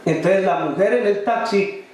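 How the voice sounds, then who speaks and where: A man's voice: sits high, moderate pace, a little mellow, slight background noise. A man preaching a sermon as a story, asking the congregation questions and acting out the people in it. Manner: asks the congregation rhetorical questions; acts out the people in his story. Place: large church hall. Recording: very echoey hall from far off, faint music.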